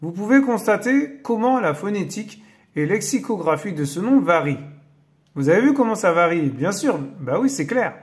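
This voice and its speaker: Male host, fairly high voice, reads aloud and keeps interrupting himself with awed exclamations. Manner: interrupts his reading with amazed exclamations; hesitant, many fillers when explaining. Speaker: Bible-teaching video host. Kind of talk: casual religious commentary reading aloud.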